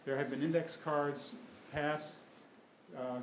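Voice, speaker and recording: An older man, the moderator of a public candidates forum, explaining the rules at a podium microphone in a relaxed, halting way with many fillers. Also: a little high. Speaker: event moderator. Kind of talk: opening remarks at a public forum. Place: school meeting room, at a podium. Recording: roomy hall with faint room noise.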